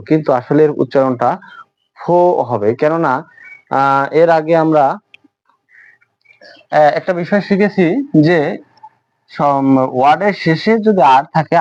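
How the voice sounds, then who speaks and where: A man's voice: a little high, normal speed, long pauses, a little mellow, no room sound, highs cut off. A man giving a beginner's English pronunciation lesson, talking hesitantly and repeating words with many fillers. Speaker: English teacher. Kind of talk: spoken English lesson in Bengali.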